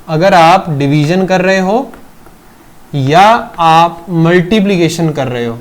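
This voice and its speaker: Guy teaching physics, pretty high voice, goes step by step n keeps asking the class questions. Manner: explains step by step, checks understanding with questions; mixes Hindi with English terms, addresses students as beta. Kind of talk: classroom lecture. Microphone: teaching video recording.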